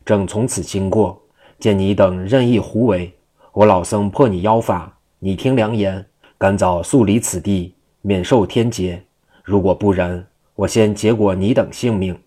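A man's voice: low voice, a little slow, mellow. A man reading the lines of an ancient male monk spirit in a storybook tale, solemn and warning.

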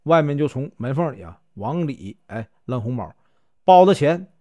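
A man with a Northeastern Chinese accent telling a traditional story in a chatty, lively way. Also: medium pitch, normal speed. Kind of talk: storytelling narration.

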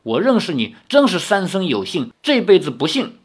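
Man doing fiery teen swordswoman, high, indignant. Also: huge pitch swings, moderate pace, breathy edge, exaggerated voice. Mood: huffy. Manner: sharp, indignant, quarrelsome. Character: proud teenage swordswoman, quick-tempered.

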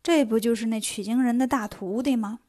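A woman's voice: fairly high pitch, fairly quick, lightly acted. A woman voicing a female bodhisattva who scolds and teases in a bossy way. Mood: explaining. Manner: bossy, teasing, at times hushed.

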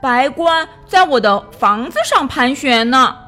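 A woman's voice: high-pitched, lively intonation, measured pace, pushed and bright, soft background music, pitched above the performer's own voice, exaggerated voice. A woman voicing a skeptical, sensible male frog in a children's storybook, speaking bluntly. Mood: curious. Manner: doubtful, blunt.

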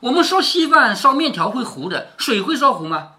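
A man's voice: extremely high pitch, sing-song, normal speed, sharp tone. A man reading a classic novel aloud and explaining it, often asking "isn't it?" as he goes. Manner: explanatory, asking listeners rhetorical questions. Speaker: storyteller and commentator.

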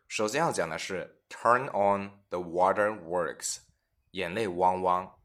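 A man teaching English expressions in a scripted bilingual lesson, reading each example sentence slowly and deliberately. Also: low-pitched, a bit bright.

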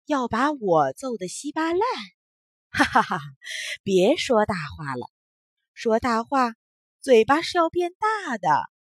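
A sly magic roly-poly toy from a children's story, laughing and teasing in a bouncy, sing-song voice, as a woman storyteller puts it on. The voice swoops lively with a husky edge. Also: fairly high pitch, unhurried, no echo, clean studio sound. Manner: mocking, laughing.

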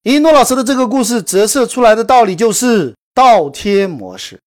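A woman telling a promotional story in a brisk, emphatic scripted sales delivery. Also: a little high, very animated. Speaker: course promoter narrator.

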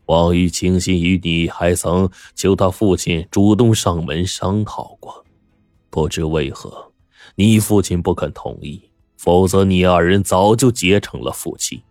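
A man's voice: sits low, a little slow, a little mellow, no echo, clean studio sound, soft background music. A man storyteller voicing a bitter, scornful rich old squire who speaks coldly and accusingly, in storytelling with acted dialogue. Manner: cold, mocking, accusing.

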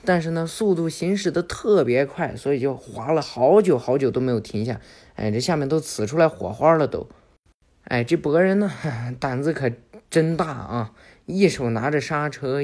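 A man retells an anime episode in a loose, chatty way. He jokes, stops to correct his slips, and strings the plot along with filler asides. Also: mid-range voice. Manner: chatty, joking, self-correcting. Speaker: storyteller.

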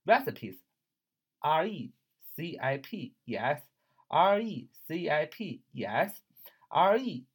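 Guy teaching english words, kinda husky, voice bounces up and down a lot, spells stuff out slow. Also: a little high, big pitch swings. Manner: spells words out slowly letter by letter, repeats words often; explains in a chatty, friendly way. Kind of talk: recorded vocabulary lesson.

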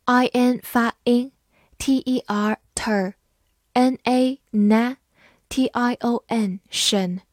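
A woman teaches English vocabulary at a very unhurried pace. She reads example sentences slowly and spells the words out letter by letter, in a voice pitched a little high. The recording is dry and close, with no room sound. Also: a little mellow, no echo. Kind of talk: vocabulary lesson with slow read-alouds.

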